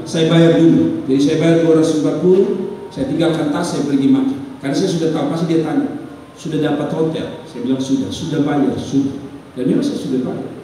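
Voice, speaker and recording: A high-voiced male pastor preaches in a church, telling his story and acting out the dialogue. He is picked up from a distance, and his voice rings with long reverb through the hall. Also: a little hiss or hum. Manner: storytelling with lively acted dialogue. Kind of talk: sermon. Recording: echoey hall, distant mic.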